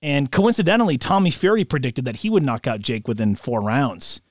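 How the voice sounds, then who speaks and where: A man's voice: mid-range voice, animated, fairly quick, no room sound, studio quality. A man chatting casually about sports as a podcast co-host, with slangy bro talk.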